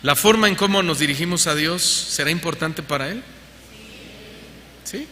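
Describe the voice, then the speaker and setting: Mexican male pastor, high and very bright, preaching in a reverberant hall with faint noise. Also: moderate pace. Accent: Mexican Spanish. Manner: preaching, questioning the congregation, mocking voices when quoting. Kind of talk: sermon. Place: church hall.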